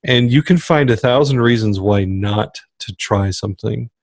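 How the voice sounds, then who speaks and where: A man's voice: on the low side, moderate pace, gravelly, no room sound. A man co-hosting a podcast in casual chat, talking emphatically and circling back to repeat his motivational point. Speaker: podcast co-host.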